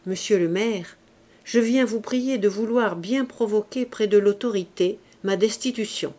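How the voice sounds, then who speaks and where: A woman reading an audiobook, voicing a grave male police inspector who speaks coldly and sadly in a measured way. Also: mid-range voice, mellow, lightly acted. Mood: solemn. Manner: cold, sad, measured delivery.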